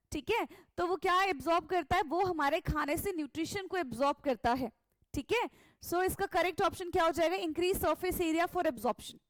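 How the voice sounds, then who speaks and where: High-voiced, slow-paced woman teacher. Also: no room sound, studio quality. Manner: slow and deliberate, code-switching between Hindi and English, calls students "beta". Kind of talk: online class lesson going over quiz questions.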